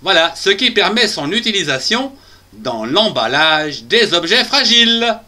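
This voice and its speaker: A man's voice: sits high, big pitch swings, unhurried, bright, forceful tone, heavily acted. A man voicing a jolly, clumsy male bear in a children's story, giggling often and chatting straight to the young listeners in a bouncy, sing-song way. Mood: playful. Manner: chats straight to the young audience.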